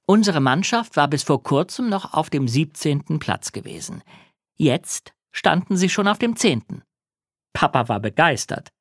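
Animated male storybook narrator. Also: on the high side, unhurried, dry recording, studio quality. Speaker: audiobook narrator. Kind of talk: scripted first-person narration.

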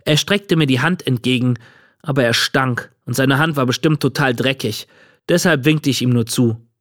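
A man's voice: mid-range voice, moderate pace, fairly bright tone, no echo, clean studio sound. A man narrating an audiobook in the first person, telling the story plainly. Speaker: audiobook reader.

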